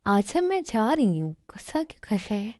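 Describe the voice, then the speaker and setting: A woman's voice: mid-range voice, sing-song, a little fast, a little mellow, dry recording, clean studio sound, lightly acted. A woman voicing a sulky young wife in an amateur Hindi dubbed drama, speaking in a complaining, reproachful way.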